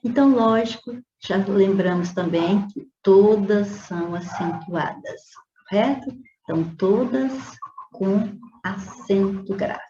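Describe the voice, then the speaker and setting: A woman Portuguese teacher going over exam questions, stretching out example words slowly and checking in with her students as she explains. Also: mid-range voice, mellow. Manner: checks in with "né?" and "tá vendo?". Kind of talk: exam review lesson. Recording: roomy, dull lo-fi with faint noise.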